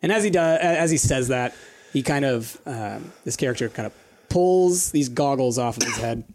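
A man with a medium-pitched voice runs a tabletop role-playing game. He improvises scene descriptions as game master. His delivery is halting, as though he is working it out aloud. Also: animated, darkish tone.

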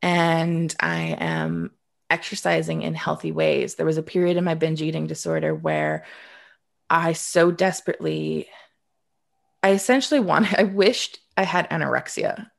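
A woman's voice: low-pitched, animated, normal speed, creaky. A woman of about thirty from Canada, a guest telling her story in a candid, reflective way, now and then dryly sarcastic, often restarting her sentences. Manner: reflective, open, with dry sarcasm and frequent restarts. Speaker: interview guest.

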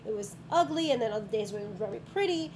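A woman's voice: on the high side, fast, poor audio. A woman school counselor chatting casually in an interview, telling stories with frequent ums. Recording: steady background noise.

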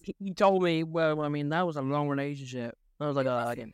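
A man's voice: fairly high pitch, quick pace, clear, resonant tone, no echo, clean studio sound. A teenage boy co-hosting a podcast, teasing and joking in casual chat. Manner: teasing, jokey, interrupting. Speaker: podcast co-host.

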